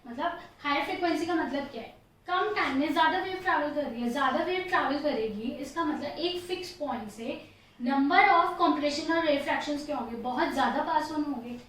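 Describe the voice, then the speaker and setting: A woman's voice: high voice, a little fast, a bit bright, slight background noise. A woman teacher explaining a physics lesson step by step, asking questions and answering them herself. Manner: mixes Hindi with English phrases, often says "theek hai". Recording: echoey room, voice from far off.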